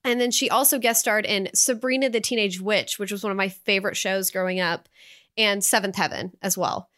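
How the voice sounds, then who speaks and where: A woman co-hosting a film review podcast, chatting in an animated way with frequent fillers. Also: medium pitch, a little fast. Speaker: podcast co-host. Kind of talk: casual film review chat.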